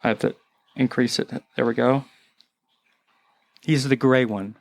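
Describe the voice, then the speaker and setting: A man's voice: mid-range voice, steady tone, measured pace, creaky, no echo. A man with a Baltimore accent hosting a podcast, talking in casual, joking banter and teasing his co-host. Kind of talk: casual chat.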